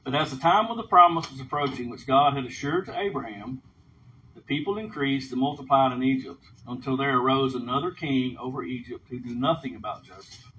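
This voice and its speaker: A man with a mid-range, sharp-toned voice teaches an informal Bible lesson at a brisk clip, reading passages aloud and explaining them. He often checks in with a quick "okay?", and the dull lo-fi recording carries faint background noise.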